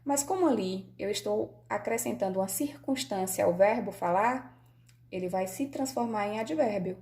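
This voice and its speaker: Brazilian woman, video teacher, warm mellow tone, patient step-by-step explainer. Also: mid-range voice. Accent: Brazilian Portuguese. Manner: explains patiently, checks in with "certo?". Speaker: Portuguese teacher. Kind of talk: video grammar lesson.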